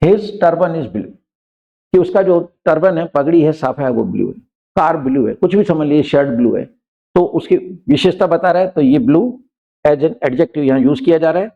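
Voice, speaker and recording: A man's voice: fairly high pitch, animated, moderate pace, creaky. Indian guy teaching english vocab, patient, keeps repeating stuff, kinda muffled sound. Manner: explains patiently, repeats words and often says "theek hai". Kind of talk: classroom vocabulary lesson. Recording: dull lo-fi sound.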